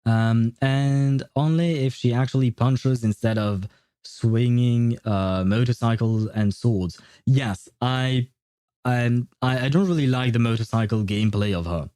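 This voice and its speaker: A man hosts a casual gaming livestream, rambling, opinionated, and often chuckling. His medium-pitched voice is unhurried, dark, and clean, recorded at studio quality with no echo.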